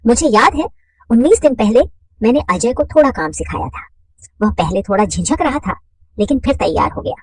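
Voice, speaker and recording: A woman's voice: a little high, expressive, moderate pace, husky, no echo, pitched above the performer's own voice, rough recording. A woman voicing a bold, teasing middle-aged mother. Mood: eager.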